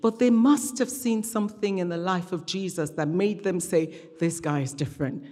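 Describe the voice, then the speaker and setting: A fairly low, darkish female voice at normal speed comes from a middle-aged regional church minister guest-preaching at a live event. Her sermon and interview are conversational, lightly delivered, and hesitantly phrased, echoing through a large church hall with long reverb.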